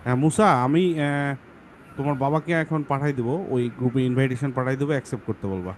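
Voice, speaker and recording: A man's voice: medium pitch, fast, slight background noise. A man teaching an online English class for children, often repeating points and checking whether the kids follow. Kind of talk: online kids' class talk.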